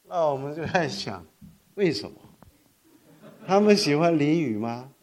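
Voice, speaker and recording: Older man preaching an animated sermon. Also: on the high side, unhurried. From Korea. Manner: animated storytelling with frequent self-corrections and code-switching to English. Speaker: pastor.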